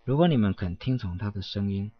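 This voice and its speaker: A man giving a solemn scripture reading in a preaching cadence, with steady emphatic affirmations. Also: lowish voice, brisk, breathy edge. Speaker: scripture reader. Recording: dull, dry lo-fi recording.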